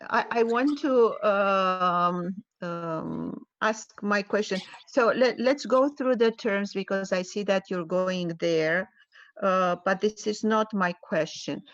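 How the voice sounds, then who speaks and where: A woman from Romania calling into a live Q&A, speaking slowly and carefully with many pauses. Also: mid-range voice, fairly bright tone, no room sound, dull audio. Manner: slow, careful, hesitant with fillers. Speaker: caller asking about a note. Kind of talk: live Q&A call.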